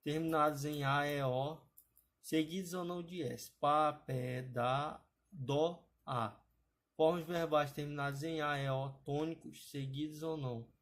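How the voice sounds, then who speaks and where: A man walks through grammar rules in an exam-prep lesson. His voice sits a little higher than most men's. He keeps checking in with his listeners as he explains. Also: fairly even intonation, unhurried. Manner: explanatory, adds frequent "tá, pessoal?" checks. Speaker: teacher.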